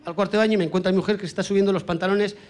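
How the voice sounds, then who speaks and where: A man from Spain doing a crude stand-up comedy monologue on stage, with brash punchlines and sudden shouted sound effects. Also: sits high, fairly even intonation, rapid-fire.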